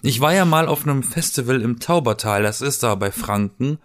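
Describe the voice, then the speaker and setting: A man's voice: mid-range voice, expressive, a little fast. A man chatting casually as a podcast co-host, often breaking off and restarting his sentences. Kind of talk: casual chat.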